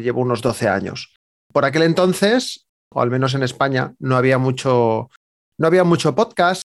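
A man with a Spain Spanish accent, a podcaster guest chatting casually in an interview, with many fillers and restarts. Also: on the high side.

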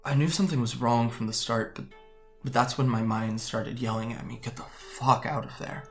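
An actor playing a guarded young man from Japan, quietly recounting how he fled home in an audio drama. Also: medium pitch, fairly even intonation, soft background music, natural voice. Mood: somber. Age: young adult. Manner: soft, hesitant storytelling with halting restarts. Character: young man, guarded and wry, recalling his escape. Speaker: interviewee.

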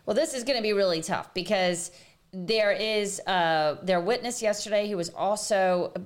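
A woman co-hosting a casual panel discussion, lively and steering the conversation. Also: medium pitch, normal speed. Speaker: co-host.

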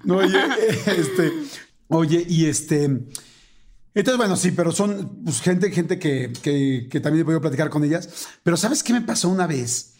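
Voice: mid-range voice, a little slow. A host with a Mexican accent chatting casually, reacting with frequent short replies before telling a story of their own. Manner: relaxed, frequent backchannel, chatty. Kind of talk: casual chat.

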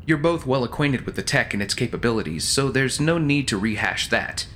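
A man playing a calm, self-assured villainous schemer in an audio drama, talking in a smooth, persuasive, condescending way. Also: mid-range voice, fairly quick, a little hiss or hum, lightly acted. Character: calm, self-assured male schemer defending his ruthless plan. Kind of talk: scripted audio drama acting.

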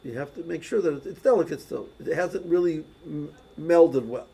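This religious teacher's voice sits on the high side, creaky and dark with some breathiness, at a normal speed. The recording is low quality. His casual lesson is built on anecdotes, with frequent restarts and words said twice.

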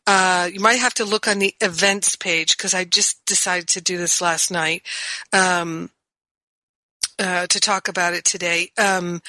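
A woman's voice: lowish voice, sharp tone, dry recording, rough recording. Exuberant woman hosting a radio show. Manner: exuberant, laughs often, gushing. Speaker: radio show host and spiritual teacher. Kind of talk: enthusiastic radio talk show teaching.

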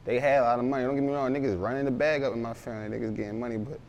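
A man's voice: medium pitch, fairly even intonation, racing, a little mellow, lo-fi sound, a little hiss or hum. A young man, a rapper, talking casually in an interview with loose, rambling street slang. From Baltimore, raised in Philadelphia.

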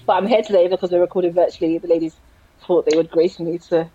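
A woman's voice: on the low side, fairly even intonation, quick pace, lo-fi sound. A woman in her late twenties with a South London accent, chatting casually as a podcast co-host. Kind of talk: casual chat. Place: remote virtual recording. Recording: clear background noise on virtual call.

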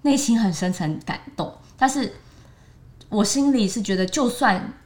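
A woman's voice: mid-range voice, moderate pace. Young Taiwanese woman telling a story. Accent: Taiwanese Mandarin. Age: 20s. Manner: animated storytelling, acting out quotes. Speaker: podcast co-host. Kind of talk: casual podcast chat.

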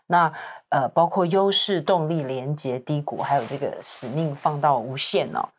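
A woman, a magazine editor hosting an interview, attentive and quick to affirm. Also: low-pitched, husky.

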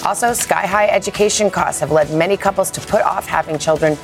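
A woman with a fairly low voice presents morning news as an anchor. She reads scripted headlines, with faint music behind her. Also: a little fast, creaky. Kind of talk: scripted headline reading with light banter.

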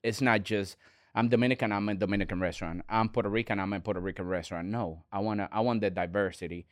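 A man, a restaurant owner talking as a guest in an earnest, halting way with many restarts. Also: fairly low pitch, steady tone, dry recording, clean studio sound. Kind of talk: casual interview talk.

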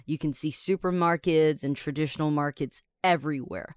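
A woman's voice: low voice, normal speed, no echo, studio quality. A woman from Taiwan, hosting a podcast lesson as an English teacher. She is upbeat and chatty and explains words step by step.

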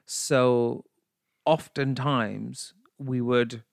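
A man's voice: mid-range voice, steady tone, drawn-out words, creaky, no echo, clean studio sound. A young man, co-hosting a podcast and telling playful, camp stories in casual chat. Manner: chatty storyteller, playful and camp. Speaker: podcast co-host.

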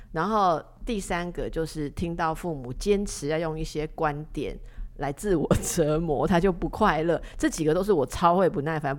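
A woman in her fifties with a Taiwanese Mandarin accent talks on a casual podcast. Her voice sits a little low for a woman. She tells stories briskly and acts out the other people in them. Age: 50s. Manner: lively storyteller who acts out quoted dialogue. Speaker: podcast co-host, doctor.

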